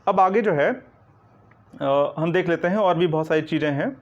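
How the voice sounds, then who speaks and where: A man's voice: a little high, normal speed. Patient male Hindi teacher, lo-fi. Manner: explains step by step, repeating "ठीक है ना" and asking questions back. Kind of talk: online coaching lecture. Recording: dull lo-fi recording.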